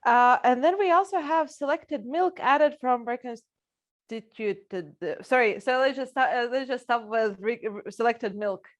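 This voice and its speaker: A woman moderating an informal film panel, speaking in a hesitant, halting way. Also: fairly high pitch, lo-fi sound.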